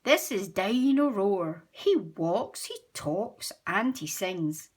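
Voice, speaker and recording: A woman's voice: mid-range voice, lively intonation, slow pace, slightly rough. A woman reading aloud, voicing a cheerful fox shopkeeper from a cartoon storybook with a salesman-like manner.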